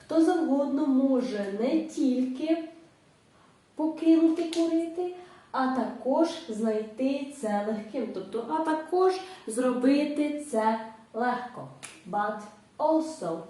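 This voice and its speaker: A woman teaches an English grammar lesson with a fairly high, mellow voice. She slows down to spell out example phrases clearly. The recording is roomy and echoey, with her voice sitting well back from the mic. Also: animated. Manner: slow, careful enunciation of English example phrases. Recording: echoey room, voice from a distance.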